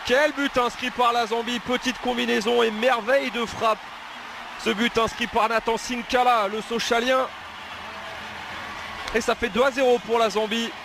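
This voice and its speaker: A man giving excited, exclamatory live football commentary as the match unfolds. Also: extremely high pitch, moderate pace, gravelly. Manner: excited, exclamatory at big moments. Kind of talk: live sports commentary in French. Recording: noisy stadium broadcast background.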